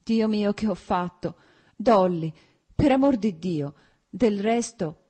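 A woman's voice: on the low side, very animated, a little slow, mellow, breathy edge, voice pushed up, heavily acted. A woman voicing a contrite husband who pleads tearfully for his wife's forgiveness in an audiobook. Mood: pleading. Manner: sobbing, pleading, trembling.

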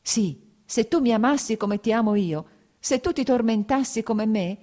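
Brief: woman reader doing a desperate noblewoman in a storybook, pleading, loud, high. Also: moderate pace, natural voice. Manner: ironic, then crying out in despair. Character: passionate young society woman, ironic then desperate. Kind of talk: audiobook character reading.

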